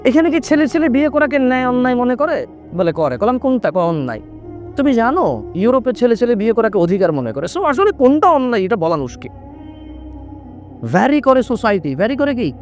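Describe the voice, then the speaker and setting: A young man preaching a sermon in an animated way, slipping English words into his talk and lowering his voice when he quotes others. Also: a little fast, soft background music. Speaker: Islamic preacher. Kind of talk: waz sermon.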